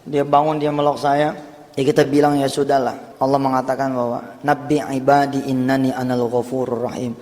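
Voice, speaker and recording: A man preaching a sermon, telling a counseling story with lively swings between loud urging and hushed tones. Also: mid-range voice, a little fast. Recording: long hall reverb.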